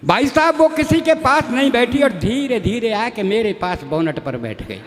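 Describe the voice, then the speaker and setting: A man's voice: extremely high pitch, lively intonation, normal speed, noisy background. A man performing comic storytelling at a live poetry gathering, folksy and chatty, talking to the crowd like a brother. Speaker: comic poet on stage. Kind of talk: stage comedy storytelling. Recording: reverberant live PA sound.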